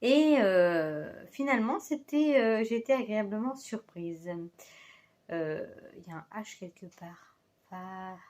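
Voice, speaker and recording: A woman chats casually as a book vlogger, speaking into a phone. She talks in a hesitant, meandering way, full of fillers and quick self-corrections. Her voice sits at an ordinary middle pitch. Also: animated, darkish tone. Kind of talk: casual chat. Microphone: phone held in hand.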